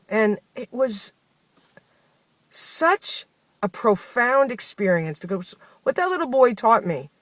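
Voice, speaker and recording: A woman's voice: fairly low pitch, no room sound. A woman speaking a heartfelt personal diary, telling her story in a reflective, conversational way, with many fillers. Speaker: host of a spoken daily journey series.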